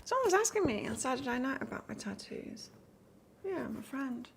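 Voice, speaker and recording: A gravelly, fairly high-pitched woman with an accent that sits between northern English and Australian. She gives a live-stream tarot reading in a relaxed, rambling way, chatting with her viewers between cards. A faint hiss sits under her voice. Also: moderate pace. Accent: mix of northern English and Australian. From north of England. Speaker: tarot reader.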